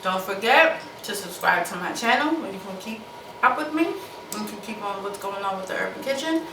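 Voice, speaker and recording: Mixing and tasting in her home kitchen, the host of a cooking show chats casually, says things more than once and speaks through mouthfuls. Her mid-range voice is expressive at normal speed; the echoey room, far-off mic, clattering dishes and noisy background all come through.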